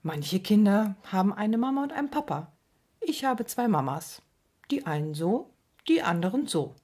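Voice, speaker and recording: A woman's voice: mid-range voice, very animated, moderate pace, a little mellow, breathy edge, voice pushed up. A woman reading aloud, voicing a curious, proud young boy in a storybook. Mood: matter-of-fact. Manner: earnest, indignant when challenged.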